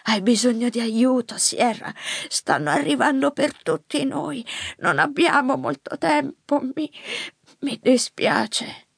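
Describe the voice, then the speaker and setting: A woman voicing a frail old grandfather weakened by a stroke, pleading urgently in a halting, breathy way for an audiobook. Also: high voice, very animated, no room sound, pitched above the performer's own voice, heavily acted. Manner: slow pleading warnings. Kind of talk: audiobook character voice. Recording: dry close studio mic.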